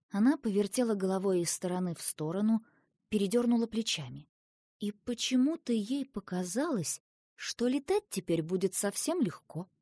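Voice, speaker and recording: A woman narrating a children's story as an audiobook, with expressive storytelling. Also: medium pitch, no echo, studio quality.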